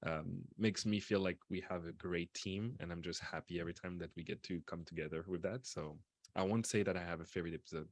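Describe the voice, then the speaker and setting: A man co-hosting a podcast, chatting casually and a little hesitantly, with fillers. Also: low-pitched. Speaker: podcast co-host. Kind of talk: casual chat.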